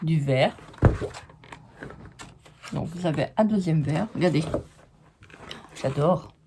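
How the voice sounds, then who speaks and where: A scrapbooking vlogger with a warm, low voice slowly shows her paper pads to viewers in a casual show-and-tell, chatting and sharing frank opinions on every sheet. There's slight background noise.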